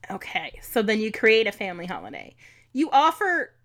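A woman's voice: medium pitch, huge pitch swings, moderate pace, fairly bright tone. A woman co-hosting a podcast in casual chat, bubbly, laughing often and swearing freely. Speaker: podcast co-host.

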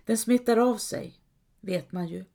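A woman reading a story aloud as calm scripted narration, lightly voicing quoted characters. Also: a little high, gravelly. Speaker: audiobook narrator.

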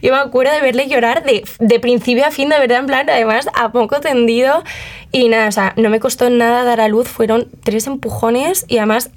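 A woman's voice: fairly high pitch, steady tone, brisk. A young woman talks easily as an interview guest. She fills her speech with little fillers and brings other people's remarks to life as she goes. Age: 20s. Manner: chatty, uses many fillers, acts out quoted remarks. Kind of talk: casual conversational interview.

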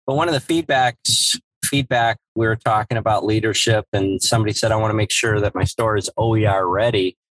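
Male podcast co-host, animated storyteller, low-ish voice, dry studio sound. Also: a little fast, no echo, poor audio. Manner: animated storyteller who acts out dialogue. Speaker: podcast co-host, former evaluator. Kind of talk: casual storytelling chat.

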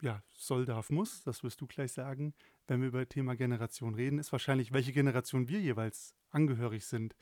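A man in his thirties hosting a career podcast, asking questions in a relaxed, chatty way with many fillers. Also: mid-range voice, brisk, few pauses, no echo, clean studio sound. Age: 30s. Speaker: podcast host. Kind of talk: podcast interview.

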